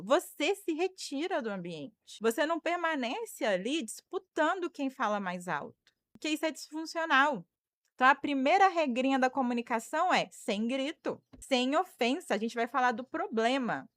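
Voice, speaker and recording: A Brazilian woman in her thirties talks through a live stream as a psychologist, answering viewer comments and thanking people by name. Her voice sits a little high, and the sound is close and dry. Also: no room sound. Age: 30s. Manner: warm advice-giving, thanks viewers by name.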